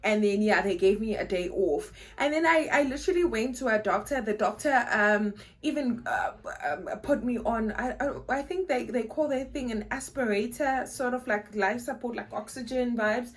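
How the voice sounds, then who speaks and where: Her voice sits on the high side, moving at a moderate pace with few pauses. She's a young adult South African vlogger whose first language is Xhosa, talking casually to camera, repeating words, and laughing often.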